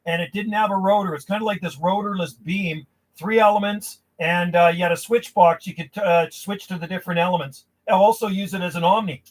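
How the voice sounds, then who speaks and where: Man, fairly high voice, casual radio chat, chatty, radio operator hosting from a small shack. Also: a little fast, few pauses, poor audio. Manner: chatty, casual, addressing listeners as buddy. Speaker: amateur CB radio operator and video host. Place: small insulated radio shack outdoors from the house.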